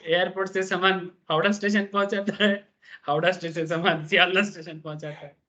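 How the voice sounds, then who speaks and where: A man's voice: high voice, flat delivery, a little fast, pushed and bright, highs cut off. A man teaching a business law class, telling stories and asking the students questions. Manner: chatty storytelling, asks the class questions, mixes English terms.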